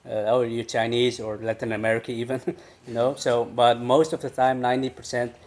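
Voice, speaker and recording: A man in his thirties, born in the Netherlands, answering interview questions hesitantly with many pauses. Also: mid-range voice. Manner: hesitant, many fillers, flat delivery. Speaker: guest, personal trainer. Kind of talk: casual interview.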